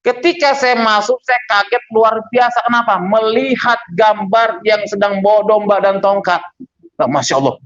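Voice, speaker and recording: A man's voice: sits high, moderate pace. A middle-aged man, a pastor giving a testimony sermon and acting out the dialogue in his stories. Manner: animated storyteller acting out dialogue. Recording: dull lo-fi recording.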